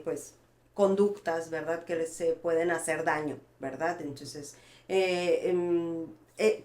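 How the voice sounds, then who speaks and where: A woman's voice: lowish voice, darkish tone. A woman hosting a podcast, asking questions hesitantly with many fillers and tag questions. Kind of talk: casual podcast conversation. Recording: roomy echo.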